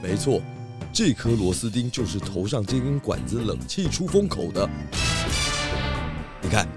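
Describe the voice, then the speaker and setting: Over music, a man plays a portly, confident pig detective in a children's detective audio drama, theatrical and full of exclamations. His fairly low voice is expressive and unhurried, sounding pondering yet confident.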